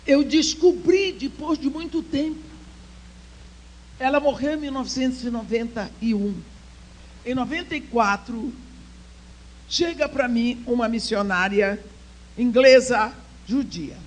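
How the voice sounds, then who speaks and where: Her voice a little high, an older woman speaks at a measured pace with long pauses, heard through a low-quality recording. She tells a heartfelt personal story at a church women's conference, alternating soft near-whispers with emphatic urging.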